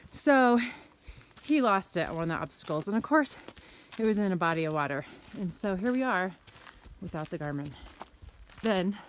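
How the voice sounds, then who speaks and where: A middle-aged woman talks into a handheld camera on an outdoor mountain trail, joking as she goes. She sounds a little out of breath, and her voice sits in an even middle register. A faint wash of outdoor noise is heard under her. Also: mid-range voice. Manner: chatty, joking, laughs often. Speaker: vlogger. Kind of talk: casual hiking vlog.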